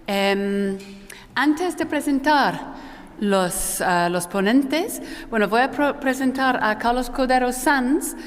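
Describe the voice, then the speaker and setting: A woman moderating a conference panel in an informal, halting way, her voice carrying a cathedral-like hall echo. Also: medium pitch. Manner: informal, halting, often restarting words. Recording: long reverb in a large echoey hall.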